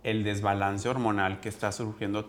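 A man's voice: lowish voice, little pitch movement, moderate pace. A man, co-hosting a podcast and adding brief supportive remarks. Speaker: podcast co-host.

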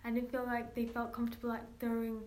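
A woman with a fairly high but flat, even voice, chatting as a guest. She talks loosely, stacking up fillers. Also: quick pace. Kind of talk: casual chat.

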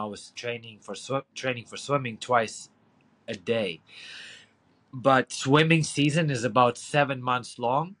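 Man, 30s, Ukrainian accent, casual and rambling, mid-pitched voice. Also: a bit bright, low-quality recording. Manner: rambling, frequent fillers and profanity. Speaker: guest, boxing coach. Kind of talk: casual interview.

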